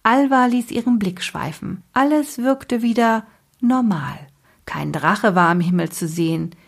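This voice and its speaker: A woman with a breathy voice reading a children's book aloud expressively, dropping to a whisper at tense moments. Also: mid-range voice, measured pace. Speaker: storyteller.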